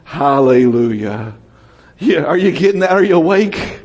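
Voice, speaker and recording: A man preaching a sermon as pastor, calling out to his congregation, swinging between shouts and low, quiet lines. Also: measured pace, slightly rough. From United States. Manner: lively preaching, calls out to the congregation, rises to shouts and drops low.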